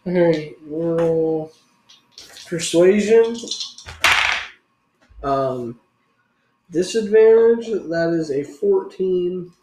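A man playing a tabletop game, talking in a slow, drawn-out, joking way. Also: sits high, animated, warm tone. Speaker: player. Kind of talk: casual tabletop play. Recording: echoey room with faint noise.

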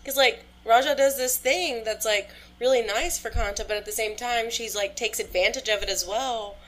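A woman's voice: a little high, moderate pace, fairly bright tone, slight background noise. A young woman chatting casually, full of filler words and agreeing often. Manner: chatty, many likes and yeahs, laughs easily. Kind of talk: casual chat.

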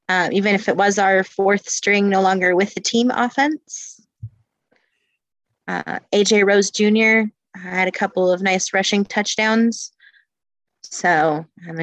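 A woman's voice: mid-range voice, a bit bright, no echo, rough recording. A woman co-hosting a casual sports podcast, talking through prepared points in a conversational way with fillers. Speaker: podcast co-host.

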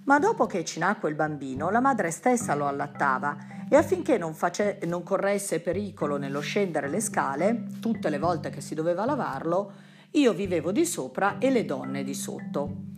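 A woman teacher reading a translated text aloud and explaining it in a lively way, often checking in with her listeners with a quick question. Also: fairly low pitch. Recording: clear music playing behind the voice.

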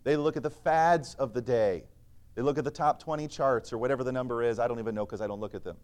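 With a mid-range voice and a quick pace, a man delivers an earnest church sermon. He shifts between loud and soft, pressing his points emphatically and quoting scripture in old-fashioned language.

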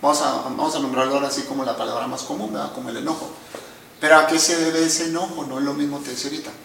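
A middle-aged man, a psychotherapist explaining emotions in a calm, measured, teacherly way. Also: mid-range voice, vocal fry, a little hiss or hum. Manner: calm, measured, teacherly, often addresses listeners. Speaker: psychotherapist guest. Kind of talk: explanatory conversation. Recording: echoey room, distant mic.

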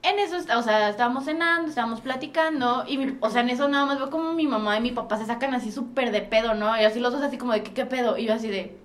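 A woman with a Mexican accent hosting a casual podcast, slangy and expressive, acting out the lines of the people in her stories. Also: fairly high pitch, quick pace, few pauses. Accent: Mexican Spanish. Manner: expressive, slangy, acts out dialogue. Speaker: podcast host.

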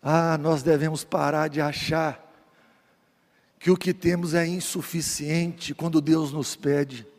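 A man, a pastor telling stories in a sermon, moving between loud preaching and quiet asides. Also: fairly high pitch, steady tone, slow pace, big-room sound. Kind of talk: storytelling sermon.

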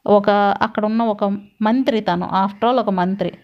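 A woman's voice: medium pitch, a little slow. A woman retelling an epic story in a conversational way, dropping English words into her speech. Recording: dull lo-fi recording.

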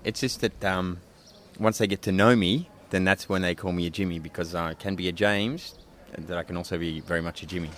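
A man's voice: sits low, steady tone, fairly quick, hardly any pauses. A man with a broad Australian accent, chatting casually as a podcast guest. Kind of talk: casual chat.

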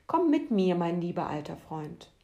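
A woman's voice: fairly low pitch, sing-song, moderate pace, gravelly, mellow, lo-fi sound. A woman playing a kindly heavenly being. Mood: coaxing. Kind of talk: storybook narration.

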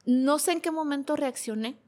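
A woman's voice: sits high, normal speed, darkish tone. Mexican woman recounting a painful past. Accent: Mexican Spanish. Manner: emotional, repetitive storytelling. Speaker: guest. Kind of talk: personal testimony in a podcast interview.

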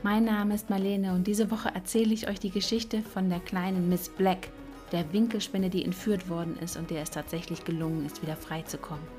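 A woman narrating a children's story in a gentle, soft-spoken way, sometimes dropping to a whisper. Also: lowish voice, fairly even intonation, a little fast, faint music behind.

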